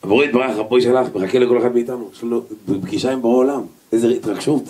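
A rabbi delivers a humorous Torah lecture, acting out little scenes and voices as he goes. His voice is medium in pitch and a little mellow, recorded on a distant mic with noticeable noise.

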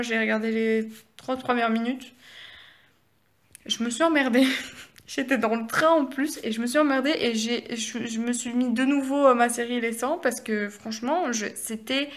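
A sixteen-year-old girl, chatting in a rambling, hesitant way in a home vlog filmed on a phone held at arm's length. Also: fairly high pitch. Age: teenager, 16. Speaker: vlogger. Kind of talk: casual chat vlog. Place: at home during lockdown.

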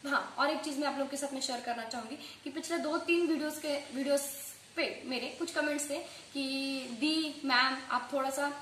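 A woman hosting an online earning tutorial, talking quickly and casually to her viewers and dropping English phrases into her speech. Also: high voice, fairly bright tone. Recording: echoey room with faint background noise.

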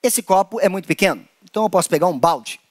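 A man with a Brazilian Portuguese accent leading a playful children's hand-play lesson, acting out animals with an animated manner. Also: quick pace, dry recording, clean studio sound. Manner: animated, playful, acts out creatures in squeaky high voices. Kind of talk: playful children's lesson with acted little voices.

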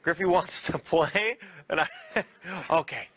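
A man's voice: a little high, lively intonation, unhurried, fairly bright tone, slightly rough. A man giving a live TV weather forecast, distracted and chuckling between phrases. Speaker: TV weather presenter. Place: TV studio at weather map.

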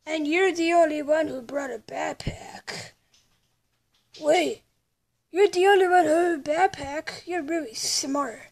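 Very high-voiced woman doing toy-skit voices. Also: gravelly. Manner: switches quickly between characters with playful exclamations. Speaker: toy movie performer voicing every part.

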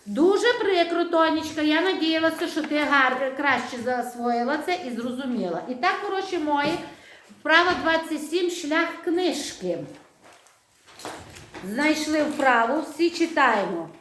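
High-voiced woman teaching primary school. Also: lively intonation, a bit bright. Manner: instructive, patient, drawn-out dictation. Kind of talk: online class lesson. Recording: echoey room, faint noise.

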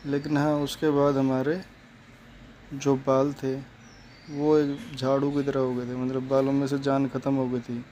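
A man narrates a step-by-step salon tutorial on coloring hair, speaking a little slowly in a warm, monotone, medium-pitched voice. His explanations are plain and he repeats the steps, with slight background noise behind him.

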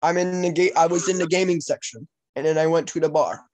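This teen prank caller has a fairly high voice with a darkish tone, and he talks quickly. Calling from a small room at home, he keeps the banter casual, crude and foul-mouthed.

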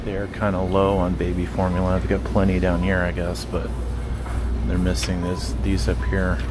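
Man, deep and even-toned, reads shelf prices aloud in a store over a loud air-conditioning hum. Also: moderate pace, over music. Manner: muses aloud while reading out prices. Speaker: vlogger. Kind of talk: casual shopping walk-through. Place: large indoor grocery store.

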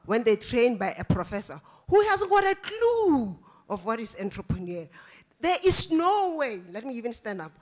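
A woman in the audience giving an impassioned comment into a handheld microphone in a large conference hall, slowing down to stress her points. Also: on the high side. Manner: emphatic, insistent, slows down to stress points. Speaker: audience member at a panel, university staff.

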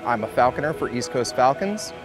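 A middle-aged man working as a falconer, talking casually in an interview outdoors on a seaside boardwalk, relaxed and conversational. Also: medium pitch, brisk, music in the background. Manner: relaxed, conversational with frequent "you know".

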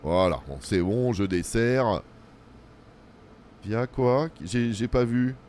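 A man's voice: medium pitch, takes it slowly, darkish tone, a little hiss or hum. A man giving casual, chatty let's-play commentary, joking at his own expense and talking straight to his viewers. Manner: chatty, self-mocking, addresses the viewers directly; mutters running remarks to himself while playing.

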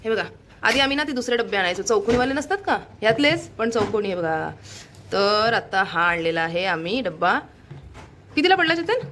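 A woman's voice: mid-range voice, very animated, normal speed, fairly bright tone, slight background noise. A young woman chatting to viewers in a casual home vlog, showing her chores. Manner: chatty, addressing viewers directly. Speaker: vlogger.

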